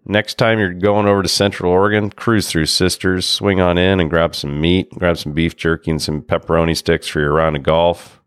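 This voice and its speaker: Male golf podcast co-host, deep voice, dry close sound, laid-back and chatty. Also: normal speed, hardly any pauses, clean tone, no room sound. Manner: relaxed, chatty storytelling. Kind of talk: casual golf podcast chat.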